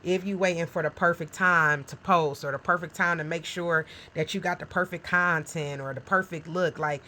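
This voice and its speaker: Forceful, low-pitched woman in her forties. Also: fairly even intonation, normal speed, low-quality recording. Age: 40s. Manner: emphatic, keeps checking in with "okay?" and "right?"; frank and encouraging, talks straight to the viewer. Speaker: small business owner and vlogger. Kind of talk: casual talk to camera.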